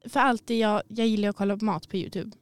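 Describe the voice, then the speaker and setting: A woman in casual podcast chat with a smooth, resonant voice. She is recorded dry and close in a studio. She chats easily and laughs readily. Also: medium pitch, fairly even intonation, no echo. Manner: chatty, self-conscious, laughs easily. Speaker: podcast co-host. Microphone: studio mic.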